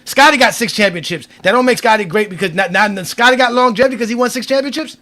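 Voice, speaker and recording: Man in his 40s, show host, rapid insistent debater with a high voice. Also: pushed and bright. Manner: insistent, argumentative, repeats points. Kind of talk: heated debate.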